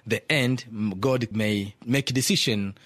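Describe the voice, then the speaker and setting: A man from Tanzania, speaking as a radio interview guest in halting English full of fillers and restarts. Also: fairly low pitch, fairly bright tone, no room sound. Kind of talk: hesitant conversational English.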